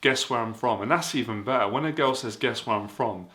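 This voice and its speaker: A man's voice: medium pitch, fairly quick, sharp tone. A man giving casual dating advice in an earnest, repetitive way, full of fillers. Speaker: dating coach.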